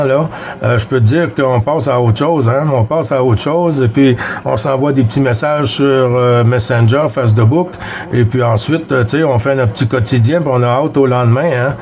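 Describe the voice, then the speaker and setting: Chatting on CB radio, a middle-aged Québécois man rambles through fillers and restarts in his native Quebec accent. His mid-range voice is a little mellow, and there's a slight hiss or hum on the line.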